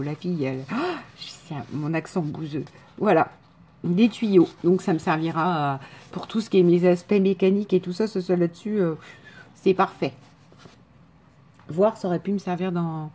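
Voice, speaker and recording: A woman's voice: on the low side, mellow, slight background noise. A woman unpacking craft gifts in a casual vlog, chatting and rambling, often correcting herself and laughing. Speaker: crafter showing a mail swap. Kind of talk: casual show-and-tell vlog.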